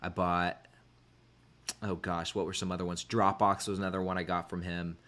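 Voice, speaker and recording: A man's voice: sits low, little pitch movement, moderate pace, a bit bright. A man hosting a podcast in casual chat, easygoing and thinking aloud as he gives his opinions. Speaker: podcast host.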